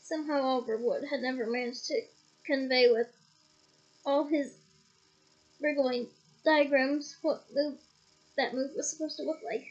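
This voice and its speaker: Woman reader, high voice, chatty asides, lo-fi home recording. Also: steady tone, unhurried, pauses often. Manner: casual, stops to comment and laugh. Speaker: audiobook reader. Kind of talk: reading a novel aloud with asides.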